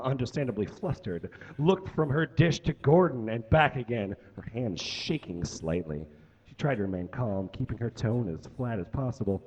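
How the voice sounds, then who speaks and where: A man doing a comedic live reading on stage into a microphone, theatrical with loud bursts of emphasis. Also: a little high, muffled recording. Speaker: live show performer. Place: stage before a live audience.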